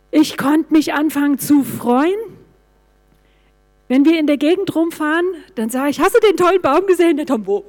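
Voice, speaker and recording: Middle-aged woman, high voice, lively church testimony with acted-out dialogue, long hall reverb. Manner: lively storytelling, acting out quoted dialogue. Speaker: church speaker giving a testimony. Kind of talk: personal testimony to a congregation.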